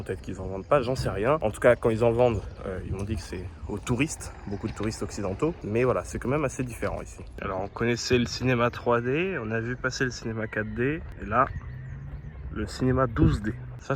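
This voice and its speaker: A man's voice: fairly low pitch, quick pace, a little hiss or hum. A young man talking to the camera as he walks a seaside town, chatty and upbeat as he tells his travel story. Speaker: travel vlogger. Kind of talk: casual travel vlog narration to camera. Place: outdoors on a seaside town street.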